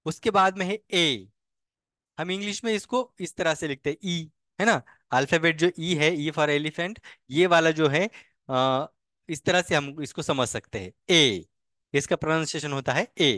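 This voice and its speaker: A man's voice: on the high side, a little slow, pushed and bright, dry recording, clean studio sound. A man teaching a beginner language class, patiently repeating each vowel sound and key point. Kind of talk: online language lesson.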